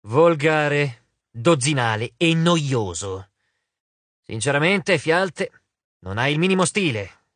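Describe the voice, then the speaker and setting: A man's voice: fairly high pitch, very animated, a little slow, a bit bright, no room sound, exaggerated voice. A man voicing a vain, lordly male god of wine in an audiobook, drawling and dismissive. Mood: drawling, bored. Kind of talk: audiobook character voice.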